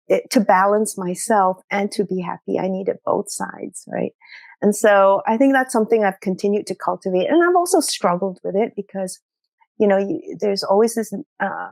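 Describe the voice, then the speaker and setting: A woman's voice: medium pitch, gravelly, darkish tone, dry recording. A middle-aged woman from Singapore, a doctor talking through her path as a podcast guest, reflective and often tagging "you know" and "right?". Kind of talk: conversational interview.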